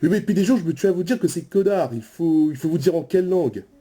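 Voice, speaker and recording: A man's voice: a little high, quick pace, dark tone, husky. A man voicing a touchy male shepherd contestant who insists on how his name is said, in a parody game show. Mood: indignant.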